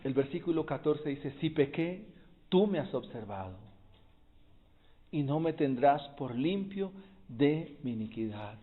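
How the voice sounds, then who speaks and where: Slow high-voiced preaching man. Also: expressive. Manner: preaching, rising to loud exclamations. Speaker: pastor. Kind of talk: expository sermon. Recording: tinny phone-like recording.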